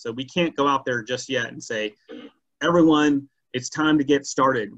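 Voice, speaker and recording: A man's voice: medium pitch, fairly bright tone, dull audio. A man presenting at a scouting leaders' expo, talking loosely with frequent "uh" fillers and restarts. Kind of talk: conference presentation. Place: indoor expo session.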